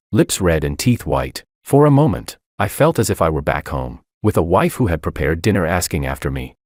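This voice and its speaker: A man tells a first-person love story in scripted narration, his voice sitting very low. He keeps a measured, steady delivery, but his intonation moves through a lively range. The sound is close and dry, with no room echo.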